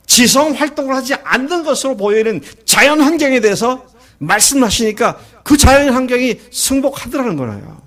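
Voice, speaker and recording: A middle-aged male pastor preaching a sermon, who asks his listeners questions and acts out the quoted lines of the story. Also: sits high. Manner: lively preaching, acting out Jesus and the disciples in quoted lines; asks the congregation questions and answers them.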